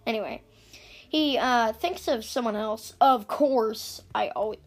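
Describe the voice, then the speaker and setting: Into an iPad, a woman recaps books on her casual podcast in an unhurried, rambling way. Her fairly high voice carries frequent fry, and she drops sentences midway for giggly asides.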